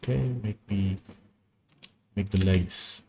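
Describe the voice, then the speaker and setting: A man's voice: low-pitched, takes it slowly, gravelly, mellow, a little hiss or hum. A young man chatting casually and rambling through stories while he works on an animation. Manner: rambling, anecdotal, easily amused. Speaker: animation streamer.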